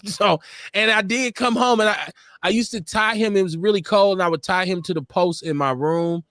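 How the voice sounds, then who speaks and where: A man co-hosting a casual live podcast from a home studio livestream rambles through stories, often correcting himself and laughing. His voice sits high and a bit bright at a moderate pace, recorded with studio quality and no room sound.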